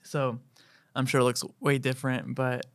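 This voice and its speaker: Flat, smooth-voiced man in his thirties. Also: mid-range voice, dry recording, studio quality. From Chile. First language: Spanish. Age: 30s. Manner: relaxed, filler-heavy, halting storyteller. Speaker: worship director, podcast guest. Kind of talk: casual interview storytelling.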